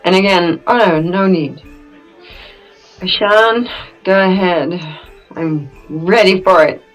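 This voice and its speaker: A woman's voice: on the low side, slow, soft background music, poor audio. A woman chatting casually as a player in a tabletop game.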